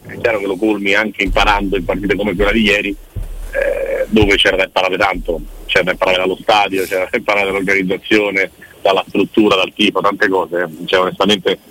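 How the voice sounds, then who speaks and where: A man's voice: low voice, pushed and bright, rough recording. A man giving casual on-air sports analysis in a discursive, opinionated way. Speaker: sports commentator.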